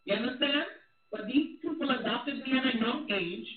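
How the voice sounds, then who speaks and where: A woman's voice: sits high, moderate pace. A middle-aged woman with a Jamaican accent telling personal stories candidly and emphatically, often checking that she is understood. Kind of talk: candid personal storytelling in conversation. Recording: tinny phone line, distant, echoey, people behind.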